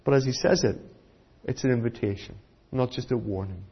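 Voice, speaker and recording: A man's voice: medium pitch, fairly quick, creaky, breathy edge, dull audio. A British man giving a children's sermon, teaching like a kids' presenter with simple questions put to the listeners. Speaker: preacher giving a children's talk. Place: church.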